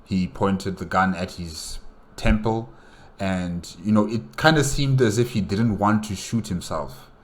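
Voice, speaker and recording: A man with a lowish voice speaks at a measured pace, hosting a reaction to a game movie. His commentary is casual, musing and hesitant, and he often puts questions to himself.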